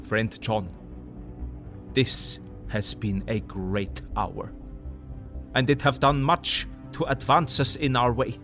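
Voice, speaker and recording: Van Helsing, fervent older professor. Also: male voice, medium pitch, fairly even intonation, takes it slowly, fairly bright tone, faint music behind. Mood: solemn, resolute. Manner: foreign, ungrammatical English, emphatic oratory. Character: earnest older male professor, vampire hunter, eccentric and fervent. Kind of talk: audio drama acting.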